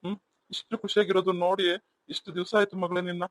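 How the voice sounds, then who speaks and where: A fond, wise old grandfather from a cartoon , as the narrator puts him on. He talks quickly and is recorded close and dry. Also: medium pitch, little pitch movement, no room sound, natural voice. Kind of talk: cartoon voice acting.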